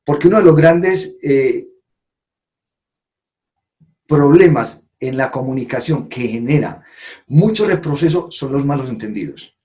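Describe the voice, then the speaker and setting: A man's voice: mid-range voice, expressive, a little slow, long pauses, dark tone. A man giving a conference talk, acting out quoted phrases and often checking in with "¿sí?". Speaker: conference speaker. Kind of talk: live lecture to an audience.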